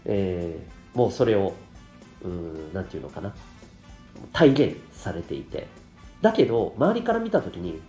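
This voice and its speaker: A man hosting a solo podcast, who is also a parenting coach, explains things politely to his listeners in a nasal, stuffed-up voice, congested from rhinitis and dust. His low voice is mellow and sing-song, at a moderate pace with frequent pauses. The room sounds echoey, with light music underneath.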